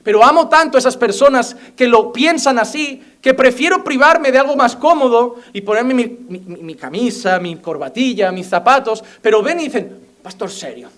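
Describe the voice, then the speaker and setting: High-voiced young pastor preaching fervently. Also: male voice, animated, moderate pace, a bit bright. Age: young adult. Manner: impassioned, mimics imagined voices. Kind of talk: sermon.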